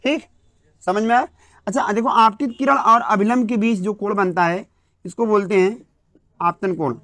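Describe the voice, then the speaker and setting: A man with a north Indian Hindi accent teaching a classroom lesson, dictating slowly and quizzing students with repeated questions. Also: high-pitched, a bit bright, no echo. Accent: Hindi-speaking north Indian.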